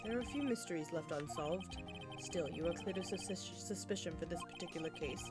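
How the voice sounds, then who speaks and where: A woman's voice: on the low side, fairly quick, loud music behind the voice, lightly acted. A woman playing a formal old judge. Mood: solemn. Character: elderly male courtroom judge, formal and ponderous.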